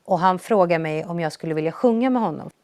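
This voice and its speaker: A young woman with a low voice telling her own life story in an earnest, reflective way, raising her energy when she re-enacts quoted lines. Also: a little mellow, clean tone, no room sound. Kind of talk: personal storytelling testimony.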